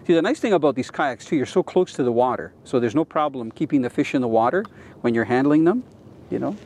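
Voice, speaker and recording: A man's voice: medium pitch, lively intonation, fast, darkish tone. A middle-aged Canadian man giving casual, enthusiastic fishing commentary as show host, explaining things as he goes, speaking outdoors from a kayak.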